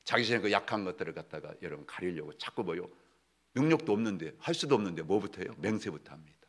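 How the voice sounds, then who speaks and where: A man preaching a sermon as pastor, leading the congregation through readings and often calling out to them, swinging from loud exhortation to soft asides. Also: sits low, animated, fast talker. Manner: addresses the congregation often, leads group readings.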